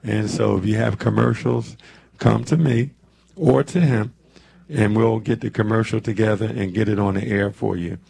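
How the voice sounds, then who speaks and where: A man in his seventies hosts a gospel radio hour from the studio. His voice sits low and gravelly with a dark, husky tone. He speaks in a relaxed, preacherly way, punctuating thoughts with amens. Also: moderate pace. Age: 70s. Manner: preacherly, peppers talk with amens. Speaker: radio show host. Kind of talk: casual church radio talk.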